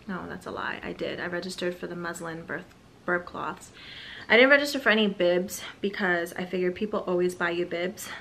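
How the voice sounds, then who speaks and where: A woman's voice: mid-range voice, sharp tone, a little hiss or hum. A young woman, an expectant mother, chatting casually through a haul of baby items, a little out of breath, with fillers and asides. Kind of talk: casual product haul vlog.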